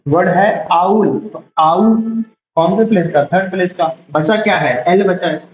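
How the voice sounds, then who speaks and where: High-voiced man teaching shorthand. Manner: patient, repeats words slowly, asks class for doubts. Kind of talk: classroom lesson. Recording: roomy, dull lo-fi sound.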